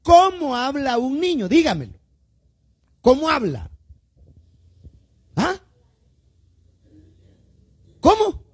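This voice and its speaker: A man's voice: very high-pitched, huge pitch swings. A male pastor with a Salvadoran Spanish accent preaching a sermon, asking the congregation questions and calling them "hermano", stretching out words for emphasis. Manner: drawn-out emphatic words, swinging between loud and quiet. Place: church service.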